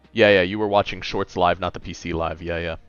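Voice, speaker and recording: Late 20s guy streaming, low smooth voice, chill and kinda tired, dull mic w faint music. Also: no room sound. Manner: laid-back, rambling, answers chat. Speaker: gaming livestreamer. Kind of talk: casual livestream chat.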